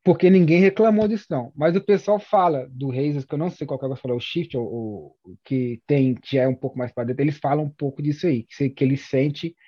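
A man's voice: a little high, a little fast, hardly any pauses, breathy edge, no room sound, highs cut off. A man with a Brazilian accent chatting casually in slangy speech, repeating phrases for emphasis as he talks like an experienced skater. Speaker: experienced inline skater discussing gear. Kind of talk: casual chat.

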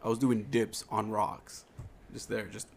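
A man's voice: fairly low pitch, little pitch movement, unhurried, vocal fry. A man on a casual podcast telling rambling, self-deprecating anecdotes. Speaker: podcast co-host. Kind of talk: casual chat.

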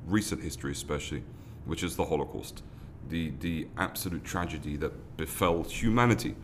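A man in his 30s from London, England, founder of a foundation, gives earnest interview answers, frequently restarting and repeating words. His bass voice moves a little fast, and there is a slight hiss or hum on the recording.

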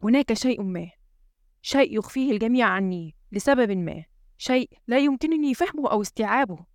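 A woman's voice: fairly high pitch, animated, a little fast, dry recording, clean studio sound, natural voice. A woman reading an audiobook, voicing a frustrated male president who gives urgent orders. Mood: tense. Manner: urgent, commanding. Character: tense, frustrated male head of state.

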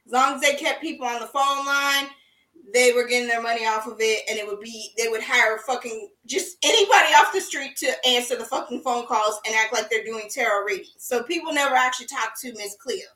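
A woman's voice: a little high, fairly quick, bright, forceful tone, far from the mic. A woman co-hosting a casual podcast chat, swearing freely and laughing often as she tells a story. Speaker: podcast co-host. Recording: roomy echo.

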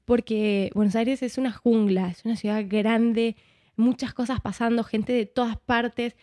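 A woman's voice: a little high, steady tone, measured pace, a little mellow, no room sound, clean studio sound. A woman from Argentina, an actress, talking casually in a conversation and often tagging her thoughts with "¿no?". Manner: chatty, frequent "¿no?", switches accents. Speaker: actress, guest.

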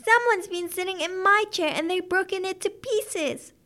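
A little baby bear cries out in a high, squeaky, strained voice, played by a woman. It sounds small and upset, a bedtime storybook cub. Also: moderate pace, sharp tone.

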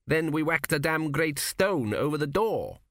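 A man voicing a newly dead king who grumbles and frets, raised well above his own pitch. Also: lively intonation, measured pace, fairly bright tone. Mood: puzzled, doubtful. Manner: querulous, grumbling. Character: fretful newly dead male king, indignant.

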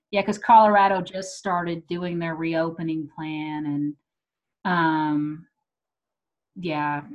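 A woman's voice: on the low side, a bit bright, dull audio. A woman from Texas with an American accent, chatting casually and hesitantly as she thinks aloud. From Texas, United States. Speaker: comedian and comedy show producer. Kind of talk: casual chat.

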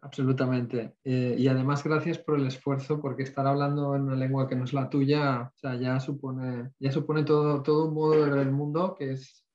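A man's voice: medium pitch, flat delivery, normal speed, a little mellow. A man in an informal expert discussion, reflective, often adding tag questions and English tech terms to his Spanish. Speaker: panel participant. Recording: echoey room, dull lo-fi audio.

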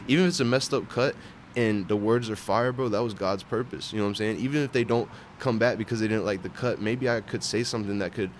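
Young man, earnest and slangy, lowish voice. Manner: earnest, slangy, addressing listeners as bro. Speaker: barber sharing his faith. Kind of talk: casual faith talk. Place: outdoors at a park bench. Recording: outdoor urban vehicle noise.

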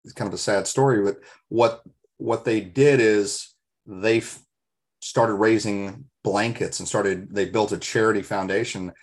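A man's voice: on the low side, fairly even intonation, measured pace. A man co-hosting a podcast in casual discussion, talking in an earnest, reflective way, with emphatic rhetorical questions and stories. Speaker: podcast co-host.

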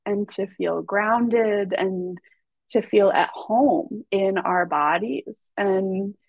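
A woman speaking as a guest educator in a podcast conversation, measured and reflective, with soft fillers. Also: mid-range voice, vocal fry, dry recording, phone-quality sound. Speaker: guest, body and sexuality educator.

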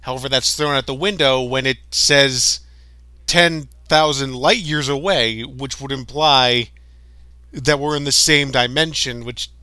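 A man co-hosting a podcast, riffing on a movie in casual chat, animated and jokey. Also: mid-range voice, measured pace, clear, resonant tone, dry recording. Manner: animated, jokey, riffs and laughs along. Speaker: podcast co-host.

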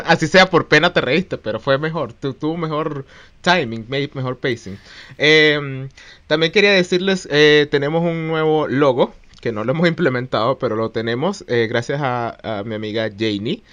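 A man's voice: a little high, normal speed, a bit bright. A man with a mixed Chilean and Mexican accent, co-hosting a podcast in casual chat, joking and rambling with many fillers. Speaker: podcast co-host.

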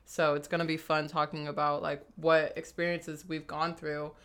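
A woman's voice: deep voice, little pitch movement, normal speed, fairly bright tone, clear, resonant tone. A young woman with an American accent co-hosting a podcast in casual, slangy, informal chat. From San Francisco Bay Area, USA. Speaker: podcast co-host.

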